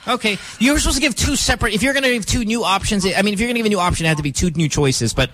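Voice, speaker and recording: A man from the Philippines hosting a morning radio show in casual, joking banter while fighting a cough. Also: sits high. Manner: animated, joking, quick asides. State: has a cough. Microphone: studio microphone.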